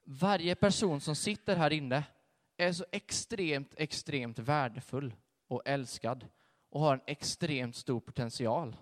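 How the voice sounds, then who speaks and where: A young man giving a sermon with a personal testimony, telling his story in a conversational, animated way. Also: on the high side. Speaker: preacher. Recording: long hall reverb.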